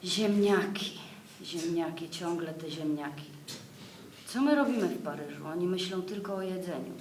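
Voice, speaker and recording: A woman's voice: fairly low pitch, normal speed, a little mellow, a little hiss or hum, natural voice. An actress playing a weary woman revolutionary in exile, talking in a rambling, fretful way on a theatre stage. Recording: echoey, distant stage sound.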